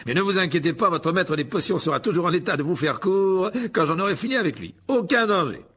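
Lockhart: a man doing a preening, booming wizard teacher. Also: lively intonation, fairly quick, a bit bright, breathy edge, exaggerated voice. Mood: showy boastful. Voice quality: boastful, theatrical, high and booming. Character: vain, pompous adult male wizard teacher.

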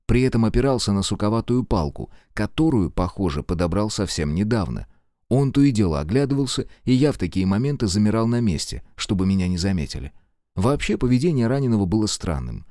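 A man narrating a first-person audiobook in a steady, expressive storytelling manner. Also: lowish voice, a little fast, no room sound, studio quality.

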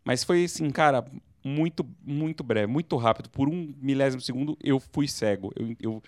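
A man from Brazil co-hosting a casual late-night chat show, telling animated stories and bursting into movie-style screams. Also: mid-range voice, normal speed, no room sound, clean studio sound. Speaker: podcast co-host.

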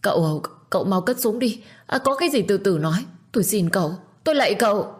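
A woman's voice: lowish voice, animated, moderate pace. A woman voicing a spiteful middle-aged stepmother who screeches insults and taunts. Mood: wailing.

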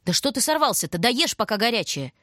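A woman's voice: on the high side, very animated, a little fast, bright, forceful tone, no echo, studio quality, voice pushed up. Woman doing a brusque village nanny. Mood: bossy. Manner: brusque, curt. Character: gruff young village woman, protective nanny.

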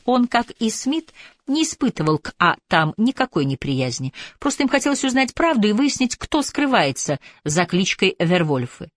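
A woman reading an audiobook in an even, measured narration. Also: medium pitch, dry recording. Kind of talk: scripted narration.

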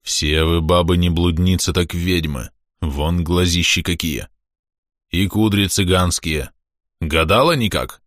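A man reading an audiobook, voicing a brooding, violent man with a hoarse, growling voice. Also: deep voice, a little slow, a bit bright, no echo, clean studio sound. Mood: menacing. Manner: menacing, growling.

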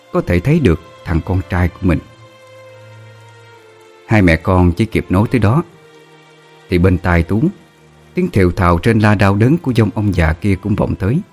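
A man's voice: deep voice, darkish tone. Emotive male storyteller. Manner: emotive, dramatic. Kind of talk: scripted narration of a ghost story.

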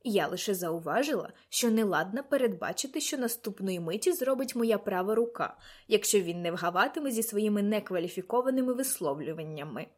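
A woman reading an audiobook, voicing a spirited society lady who speaks briskly and tartly. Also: mid-range voice, expressive, natural voice. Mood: tart lively.

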